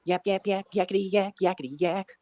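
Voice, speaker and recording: A man's voice: sits high, steady tone, quick pace, darkish tone, no room sound, highs cut off. A man in his thirties bragging and taunting in brash, repetitive trash talk. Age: 30s. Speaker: streamer in a played clip.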